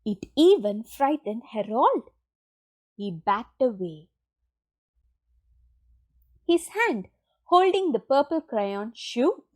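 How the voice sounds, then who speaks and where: A woman reading a children's picture book aloud in an expressive, deliberate storytelling manner with dramatic pauses. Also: a little high. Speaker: storybook reader.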